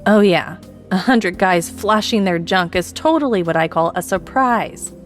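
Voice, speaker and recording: A woman voicing a sarcastic, grudge-holding young woman who snaps and sneers, in an audio drama with soft music behind. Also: high-pitched, a little slow, pitched above the performer's own voice.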